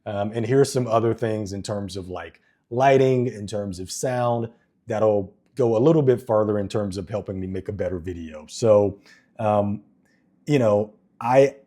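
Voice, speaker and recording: Indoors and wearing a wireless mic, a deep-voiced man talks earnestly to the camera in a casual vlog. His tone is warm, and he fills his speech with ums and restarts.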